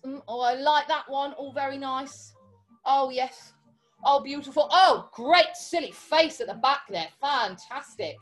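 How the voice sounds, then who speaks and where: A young woman hosts a children's show from home, clowning in a theatrical, mock-dramatic way. Her voice sits high and bright. Faint music plays quietly behind her. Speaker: children's entertainer host. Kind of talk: playful kids' show presenting.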